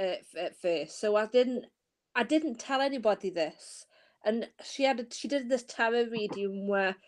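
A woman guest on a podcast, who works as a tarot reader and coach, earnestly tells her story in casual chat, frequently restarting her phrases. Her voice is medium-pitched and slightly mellow.

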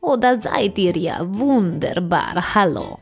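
A woman's voice: medium pitch, lively intonation, slow pace, gravelly, a little hiss or hum. A woman voicing a cheerful, proud male bear chef in a children's audio story, speaking in an encouraging teacher's tone. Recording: soft music underneath.

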